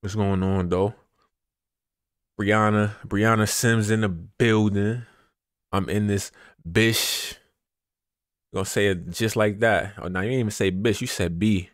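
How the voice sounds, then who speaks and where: A young man streaming a horror game, talking in a relaxed, slangy hype style and repeating his phrases. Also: lowish voice, normal speed, no echo, clean studio sound. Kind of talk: casual live gameplay commentary.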